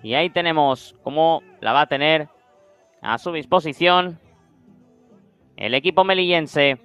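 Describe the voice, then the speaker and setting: Clear-voiced Spanish man commentating on football. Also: on the high side, a little slow, a bit bright, dry recording, faint music behind. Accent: Spain Spanish. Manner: descriptive running commentary in short phrases. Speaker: sports commentator. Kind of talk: live beach football play-by-play commentary.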